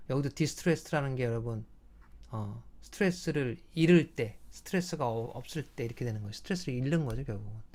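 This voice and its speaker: A man's voice: medium pitch, darkish tone. A middle-aged man giving a recorded linguistics lecture, explaining step by step and often checking with students. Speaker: English linguistics professor.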